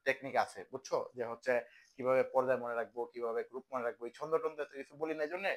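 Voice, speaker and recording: A young male chemistry tutor races through a casual lesson in a mid-range voice with fairly even intonation. He talks conversationally, often answering his own questions.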